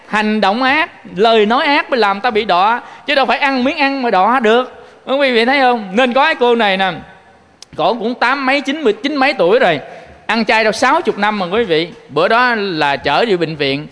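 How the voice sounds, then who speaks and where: A man's voice: high-pitched, fairly bright tone, in a large hall. A man with a Southern Vietnamese accent giving a Buddhist sermon, telling folksy stories and often turning to address his listeners. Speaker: Buddhist monk preaching.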